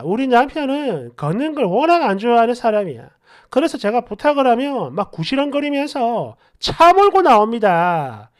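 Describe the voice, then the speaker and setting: A woman reading a story aloud in an indignant, confiding way. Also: a little high. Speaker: story narrator.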